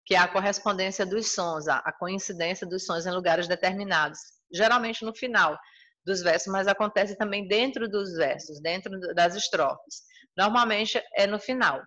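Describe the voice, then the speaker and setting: A woman's voice: medium pitch, moderate pace, bright, forceful tone, dull audio. A woman with a Brazilian Portuguese accent teaching a recorded school lesson, explaining patiently and restating each point. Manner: explanatory, repeats and rephrases points.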